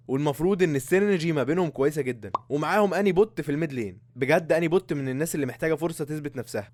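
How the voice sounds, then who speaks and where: Young Egyptian man, esports vlogger, sarcastic, very fast, dry close mic. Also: a little high, no room sound. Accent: Egyptian Arabic. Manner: sarcastic, rapid joking asides. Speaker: esports commentator. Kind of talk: satirical esports preview.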